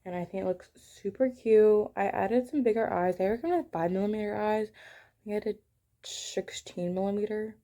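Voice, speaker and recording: A young woman talking casually and softly while showing her crochet work at home, sometimes dropping to a hush. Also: mid-range voice, moderate pace. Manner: soft-spoken, sometimes hushed. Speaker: crochet vlogger. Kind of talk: casual crochet tutorial chat.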